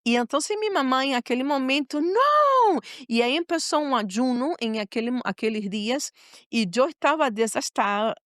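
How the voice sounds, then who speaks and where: A middle-aged woman tells a personal story in an earnest, searching way, going back over her own phrases. Her voice sits a little high, and the sound is close and dry with no room around it. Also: moderate pace, no echo. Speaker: guest, pastor and mother. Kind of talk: personal storytelling in a podcast conversation.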